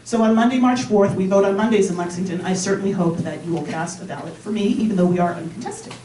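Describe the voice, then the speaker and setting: A woman's voice: mid-range voice, fast. A middle-aged woman speaks sincerely to a community forum, appealing to the voters in the room. Her voice rings around the hall, comes from well off the microphone, and sits over a faint noise floor. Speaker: candidate for town office. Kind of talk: candidate speech at a public forum. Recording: roomy hall, mic far off.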